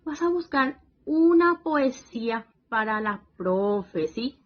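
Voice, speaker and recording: Slow, patient woman teacher, lo-fi. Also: on the high side, animated. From Paraguay region. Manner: slow, patient, repeats praise and checks in with "¿sí?". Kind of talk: worksheet lesson for young children.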